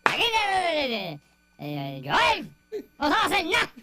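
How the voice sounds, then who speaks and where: A woman's voice: sits high, wildly swooping pitch, takes it slowly, full character voice. A woman with a Puerto Rican accent voicing a grumpy, gossiping rat who hates everyone, in a radio comedy sketch. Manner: cranky, complaining gossip. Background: music.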